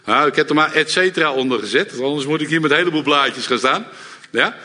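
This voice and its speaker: A middle-aged man preaching a sermon to a congregation, lively and direct, often checking in with the audience. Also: fairly high pitch, fast. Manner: lively, engages audience with repeated "ja?". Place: church hall before a congregation. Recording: long hall reverb.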